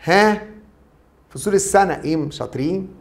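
A middle-aged man with an Egyptian Arabic accent, teaching German in a brisk, chatty classroom video lecture where he asks and answers his own questions. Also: sits high.

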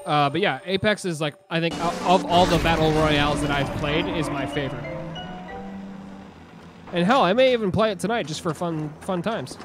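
A man's voice: fairly high pitch, moderate pace, over music. A man streaming a video game, chatting casually in a rambling, profane, self-mocking way. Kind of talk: casual live-stream chat.

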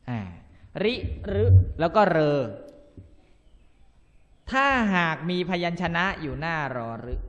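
A man teaching a Thai pronunciation lesson, explaining slowly and repeating syllables as clear drills. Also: fairly high pitch, fairly bright tone, in a large hall. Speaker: Thai language tutor. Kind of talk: classroom-style lesson.

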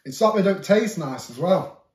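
A man's voice: high voice, expressive, normal speed, a little mellow. A young English man in his twenties chatting through a food challenge, exclaiming in distress as his mouth burns from spicy food. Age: 20s. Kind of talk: casual food challenge chat. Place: small indoor room at a table, camera a few feet away. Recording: echoey room, noticeable background noise, clicks.

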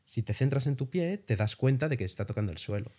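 Speaking quickly in a mid-range voice, a young man from Spain tells lively travel stories as a guest in a laid-back interview. Casual swearing slips in throughout.

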